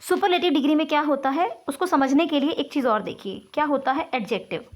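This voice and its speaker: A woman gives an online English grammar lesson in a high, light voice. She explains patiently, step by step, and pauses often to check that her students are following. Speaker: English teacher.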